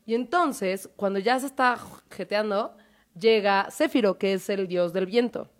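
A woman's voice: mid-range voice, measured pace. A young woman with a Mexican accent retelling a myth in casual, joking, profanity-laced chat. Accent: Mexican Spanish.

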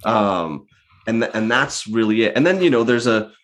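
Man, low voice, casual interview guest, chatty, checks in with listener. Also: lively intonation, normal speed, a bit bright. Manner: conversational, tags points with "right?".

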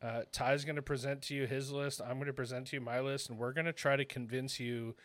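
A man's voice: medium pitch, flat delivery, fairly quick, a bit bright, no room sound. A man hosting a podcast in a casual, chatty style. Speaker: podcast host.

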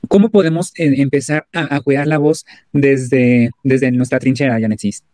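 A man's voice: mid-range voice, steady tone, moderate pace, darkish tone, dry recording. A man hosting a podcast interview, eager and casual, with many fillers and false starts. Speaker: podcast host.

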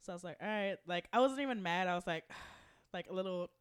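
A woman's voice: lowish voice, brisk, smooth. Chatty young woman telling a story. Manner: chatty storyteller, swears often, laughs a lot, acts out quotes. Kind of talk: casual chat.

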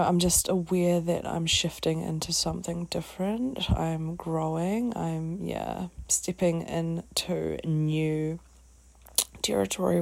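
A woman with a New Zealand accent hosting a reflective solo wellness talk, speaking in a halting, thoughtful way with trailing phrases. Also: lowish voice, gravelly, darkish tone. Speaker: podcast host.

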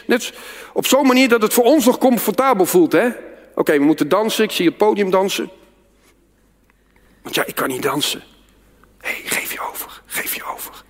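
A man preaching a sermon, telling a story with many rhetorical questions, sometimes loud and sometimes hushed. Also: high-pitched. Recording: long hall reverb.

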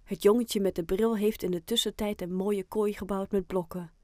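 A woman narrating a children's audiobook in a calm, clear storytelling manner. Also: medium pitch, normal speed, no echo, clean studio sound.

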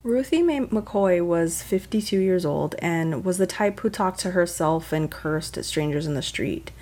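A woman narrating a true crime podcast episode in a relaxed, conversational way. Her voice sits a little low, and she keeps a slightly wry, casual tone as she walks through the story. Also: unhurried. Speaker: podcast host.

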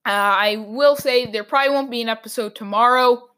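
A woman hosting a solo sports talk podcast, ranting with strong opinions, her voice going hoarse. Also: fairly high pitch, brisk, a bit bright.

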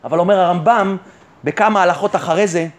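Rabbi teaching a lesson, very high male voice, poses his own questions and answers them, pushes his point home. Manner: rhetorical questions answered by himself; addresses listeners warmly and directly. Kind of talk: Torah lesson.

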